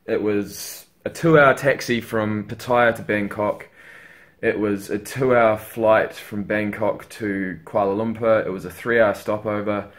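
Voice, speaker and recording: A man's voice: fairly low pitch, fairly even intonation, unhurried. A tired young man chatting casually in a home vlog, rambling and swearing as he talks to a webcam in his bedroom. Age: young adult. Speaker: fitness vlogger.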